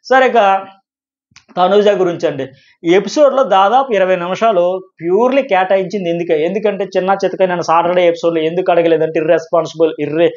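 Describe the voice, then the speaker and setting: A middle-aged man with a Telugu accent reviewing a reality show, arguing his points with rapid rhetorical questions. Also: high-pitched, darkish tone. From India. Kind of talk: fast opinionated commentary. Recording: dull lo-fi sound.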